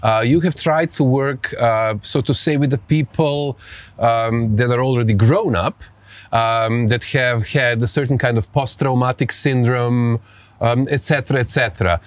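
A Serbian man in his forties hosts a podcast interview outdoors by a pool, speaking English with a Serbian accent. He hesitates and searches for words. His medium-pitched voice is a little slow, and the recording is dry.

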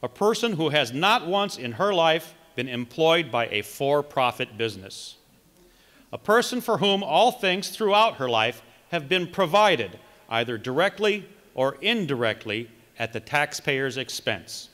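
Middle-aged male candidate, bright and forceful, reading his speech at a podium in a reverberant hall. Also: on the high side, big pitch swings. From Wisconsin. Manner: reads from notes, emphatic measured delivery. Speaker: political candidate. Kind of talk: read campaign speech. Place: large conference hall, indoors. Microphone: podium microphone.

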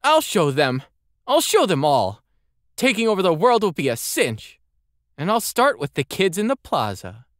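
Man doing a shrill excited boy hero. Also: normal speed, no echo, clean studio sound, exaggerated voice. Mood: defiant. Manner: excitable, shrill when thrilled. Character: eager boastful young boy hero.

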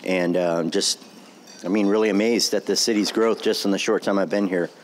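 Man at a meeting, very low voice, hesitant self-introduction. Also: fairly even intonation, slight background noise. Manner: halting, many uhs. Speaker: car dealership manager. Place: meeting room.

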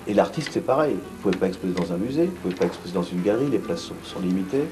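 Man, middle-aged, low-pitched, blunt and brisk, music playing beneath. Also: expressive, rough recording. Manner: brisk, blunt, many restarts and fillers. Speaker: art fair organizer. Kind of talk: interview. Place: vaulted brick gallery cellar, indoors.

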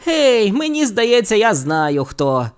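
The audiobook reader voices an excitable boy wizard, speaking in high, eager exclamations. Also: slow pace, smooth. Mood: excited. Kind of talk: audiobook character reading.

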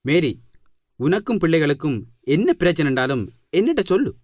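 Actor as an earnest, animated boss, radio drama. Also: male voice, a little high, moderate pace, no room sound, clean studio sound. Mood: insistent, reassuring. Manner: earnest, firm, declamatory. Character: authoritative, reassuring boss, benefactor of workers' families. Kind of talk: old-fashioned radio drama acting.

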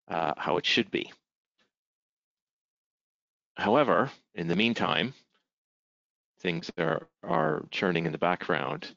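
A man with a very low, creaky voice narrates a screen-share software demo step by step. The sound is dry and dull, like lo-fi video call audio from a screen recording. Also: no room sound. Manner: step-by-step, methodical. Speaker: software presenter.

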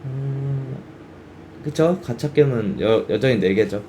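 A man's voice: mid-range voice, measured pace, a little hiss or hum. A young man who streams games, chatting casually and acting out reactions in quoted bits. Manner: animated, exclaims and acts out quoted reactions. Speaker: game streamer. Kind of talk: casual game chat.

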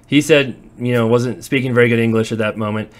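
Here a landlord films himself on a handheld phone, giving casual walkthrough narration as he tours his properties, from empty warehouses to outdoor areas. He speaks briskly in a mid-range voice with fairly even intonation. The real estate investor rambles through stories and laughs from time to time.

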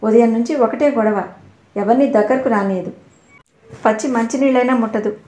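A woman voicing a flustered hospital nurse in an audio novel, reporting in a hurried, urgent way. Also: a little high, warm tone, roomy sound, lightly acted.

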